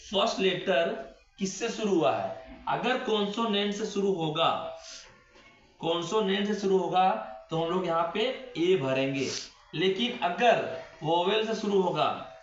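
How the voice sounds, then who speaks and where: Slow, high-voiced man teaching grammar in an echoey room. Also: lively intonation, soft background music. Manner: repeats rhetorical questions and answers them himself; slow, drawn-out words when spelling. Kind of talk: classroom-style grammar lesson. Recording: echoey room, dull lo-fi sound.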